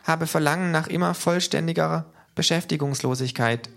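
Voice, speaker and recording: A man voicing a small, nervous male marsupial who talks in a high, agitated, rushing way. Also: creaky, a bit bright. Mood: stubborn.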